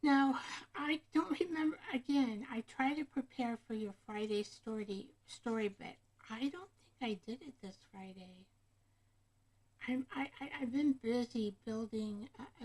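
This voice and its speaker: This craft livestream host has a somewhat high, slightly mellow voice and talks a little slowly. She rambles chattily, frequently greeting viewers by name during the casual live chat. Her camera microphone gives a low-quality recording.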